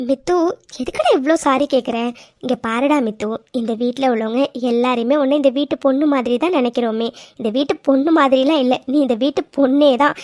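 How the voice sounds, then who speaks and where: A woman voicing an affectionate elderly grandmother in an animated serial, coaxing and reassuring, often ending lines with little tag questions. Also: sits high, a little fast, no room sound, studio quality, natural voice.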